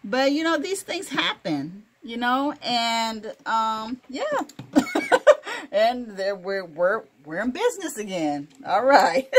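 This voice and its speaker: A woman hosting a casual sewing tutorial, chatty and encouraging, laughing often and filling pauses with "um" and "you know". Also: mid-range voice, slight background noise. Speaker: crafting video host.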